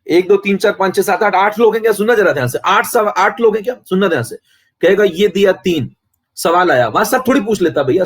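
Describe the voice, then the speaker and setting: A man's voice: high-pitched, breathy edge. A man teaching chemistry in a live-streamed online lecture, boastful and forever checking whether his students follow. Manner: boastful, keeps asking students if they follow.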